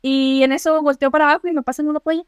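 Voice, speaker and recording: A young Mexican woman co-hosting a podcast, telling a story in casual, slangy, animated chat. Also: high voice, rapid-fire, dry recording, dull audio. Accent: Mexican Spanish. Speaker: podcast co-host.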